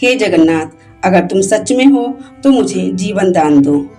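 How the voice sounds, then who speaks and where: A woman's voice: medium pitch, animated, a little slow, warm tone, faint music behind, lightly acted. Woman voicing a tearful, devout young man. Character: young male devotee, heartbroken yet faithful.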